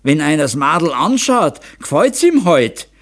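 A doting, scheming Bavarian mother lectures and coaxes in a raised, lively voice, as a man puts her on in an audiobook. Her pitch climbs and falls a lot. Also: moderate pace. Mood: coaxing. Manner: coaxing, lecturing. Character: scheming middle-aged mother, fussy and doting. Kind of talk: audiobook character voice.

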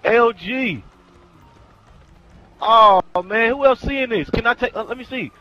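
High-pitched male gamer, unhurried, animated, exclamatory, casual chat, dull lo-fi sound. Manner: informal, exclamatory. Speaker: online game player. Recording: dull lo-fi game chat, faint music.

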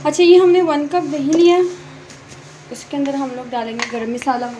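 A woman's voice: high-pitched, moderate pace, a little hiss or hum. A woman gives chatty step-by-step cooking instructions in her home kitchen, talking straight to viewers while holding her phone. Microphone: phone held in hand. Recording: loud frying sizzle behind. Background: frying and stirring sounds.

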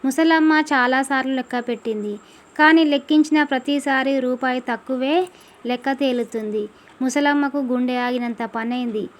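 High-voiced woman telling a folk tale. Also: normal speed. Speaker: storyteller.

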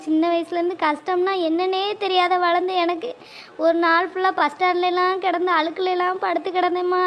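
A woman's voice: extremely high pitch, fairly bright tone. A woman voicing a distraught young woman in a cartoon, speaking tearfully and pleadingly. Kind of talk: cartoon voice acting.

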